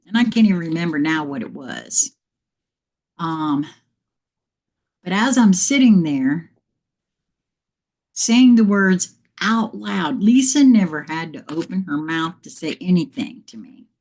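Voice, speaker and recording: A woman's voice: fairly low pitch, lively intonation, unhurried, pauses often, darkish tone. A woman hosting a casual live morning chat, a little out of breath, telling reflective, meandering spiritual stories. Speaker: live stream host.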